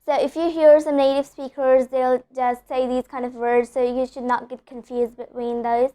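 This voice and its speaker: A woman's voice: high-pitched, flat delivery, moderate pace, warm tone, clear, resonant tone. A young woman teaching English pronunciation in an online lesson, patiently repeating example words and checking in with "okay?".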